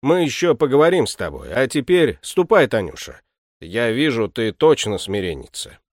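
A man voicing a stern, weary male household butler who speaks curtly in a lowered voice. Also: sing-song, normal speed, no room sound, studio quality, lightly acted. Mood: gruff. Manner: gruff, curt, lowered voice. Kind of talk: audiobook character reading.

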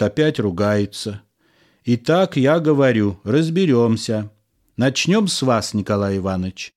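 A man reading the part of a calm husband who reasons things out with patient irony. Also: mid-range voice, lightly acted. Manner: ironic, patient, lecturing. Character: calm, wry, reasoning middle-aged husband engineer. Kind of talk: audiobook character reading.

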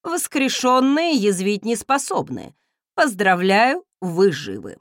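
A woman reading an audiobook voices a quiet male servant who speaks slowly and dryly. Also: medium pitch, very animated, dry recording, studio quality.

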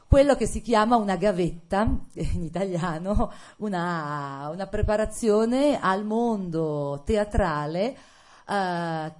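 A middle-aged Italian actress with a fairly low, darkish voice tells her life story to students in a lecture hall. Her talk is casual and hesitant, full of fillers and frequent laughter.

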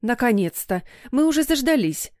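A flustered middle-aged mother in an audiobook, fretful and sighing, as a woman reader puts her on. Her pitch sits mid-range and the sound is close and dry. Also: moderate pace, darkish tone, dry recording, lightly acted.

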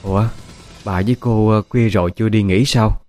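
A man's voice: fairly low pitch, steady tone, fairly quick, darkish tone, faint music behind, natural voice. A man voicing a puzzled older aunt, hesitant and surprised.

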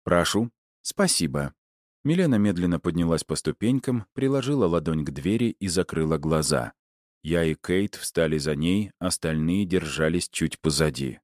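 A man with a very low voice reads first-person fiction as an audiobook. His narration is dry and wry. The recording is close and completely dry, with no room at all. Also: moderate pace, a little mellow, no room sound.

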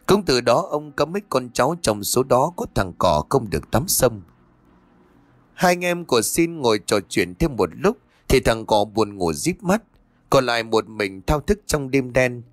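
A man narrating a spoken audio story in an expressive, measured storytelling manner. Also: mid-range voice, dry recording. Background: faint background music.

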